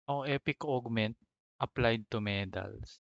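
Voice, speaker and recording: A man's voice: medium pitch, slow, gravelly, a bit bright, no echo, muffled recording. A man chatting casually while gaming, reading out item names and mixing in English. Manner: reads out item names, code-switching, chuckles. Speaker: gamer co-host.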